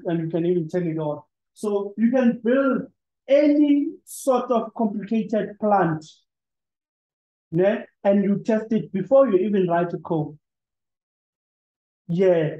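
A man's voice: high voice, warm tone, reverberant, low-quality recording. A man giving a one-on-one training lesson, explaining step by step with frequent restarts. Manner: explanatory, with many restarts and filler "ne?". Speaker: PLC trainer. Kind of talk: one-on-one screen-share lesson.

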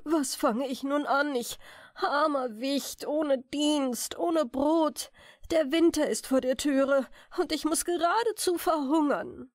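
A woman's voice: high-pitched, very animated, extremely slow, vocal fry, long pauses, darkish tone, slightly rough, no echo, studio quality, exaggerated voice. A woman voicing a poor, emotional young shepherd lad, plaintive and exclaiming, in a German fairy tale. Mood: wailing despair. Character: poor good-hearted young shepherd, emotional, easily distressed.

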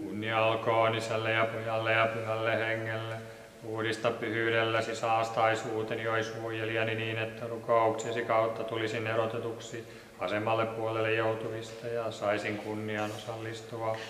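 A man reading liturgical prayers in a steady, monotone recitation in a large church. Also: on the low side, a little hiss or hum. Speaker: liturgical reader. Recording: echoey church with long reverb.

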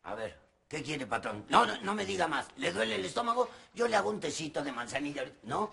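Talkative servant, high gravelly voice, telenovela scene. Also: male voice, fast, heavily acted. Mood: chatty. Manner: rambling, animated storytelling. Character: chatty, cheerful male servant. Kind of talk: telenovela acting.

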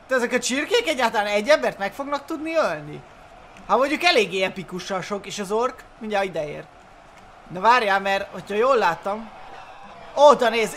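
A young man giving excited gameplay commentary, often laughing and exclaiming. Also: sits high, a little hiss or hum. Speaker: gaming YouTuber.

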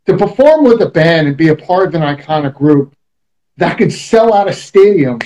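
Man, 30s, New York accent, joking talk show host, slightly high voice, video call. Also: moderate pace, rough recording. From Queens, New York. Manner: chatty, joking, animated. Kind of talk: casual interview chat.

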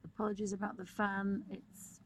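A woman's voice: mid-range voice, level tone, moderate pace, slight background noise. A woman giving a casual, unscripted art tutorial, musing and thinking aloud as she draws. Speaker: digital art tutorial presenter. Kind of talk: casual, unscripted demonstration commentary.

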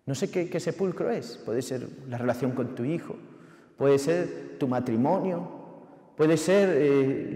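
A man's voice: a little high, dark tone. A man preaching a sermon, passionate and at times fervent, often asking the listener direct questions. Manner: impassioned, rising to fervent exhortation. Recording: echoey hall with long reverb.

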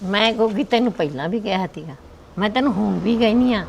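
A woman's voice: mid-range voice, expressive, fairly quick, creaky, darkish tone, a little hiss or hum. A woman playing a tearful Punjabi grandmother. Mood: pleading. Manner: tearful pleading, prays aloud. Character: elderly grandmother fearing her grandson's departure. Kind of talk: Punjabi village drama acting. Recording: music playing under dialogue.

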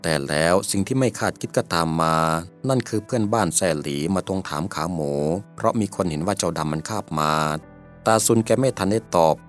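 Deep-voiced man narrating a folk tale. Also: animated, fairly quick, faint music behind. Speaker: storyteller.

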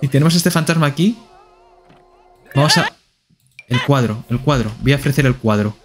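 A man's voice: mid-range voice, animated, normal speed, over music. Playful Spanish man narrating his gameplay. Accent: Spain Spanish. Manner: playful, talks to himself and to the game characters. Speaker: streamer. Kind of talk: live gameplay commentary.

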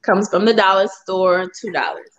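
A woman co-hosting a live makeup show, chatting casually through a tutorial with relaxed, drawn-out phrasing. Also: mid-range voice, lo-fi sound. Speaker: co-host of a makeup livestream.

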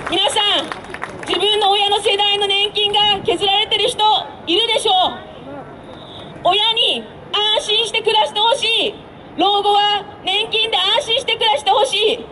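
A woman giving an earnest street campaign speech, appealing to listeners with rhetorical questions over a handheld microphone and loudspeakers. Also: extremely high pitch, fairly even intonation, a little slow. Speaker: campaign speaker introducing a candidate. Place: outdoor urban street rally stage. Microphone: handheld mic over PA, filmed from a distance. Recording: noisy busy street with crowd.

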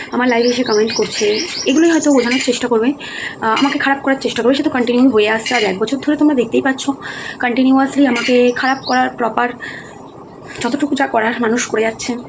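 Weary woman vlogger, gravelly and quick. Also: on the high side. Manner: earnest, explaining herself, a little weary. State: feeling low and heavy-hearted. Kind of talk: casual talk to viewers. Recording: noticeable background noise.

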